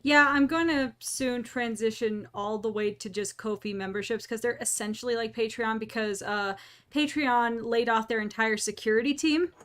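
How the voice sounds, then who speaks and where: A woman streamer playing a game and chatting casually, reacting loudly when things go wrong. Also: fairly high pitch, normal speed, clear, resonant tone. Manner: reacts loudly to her own misses. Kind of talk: casual chat while gaming.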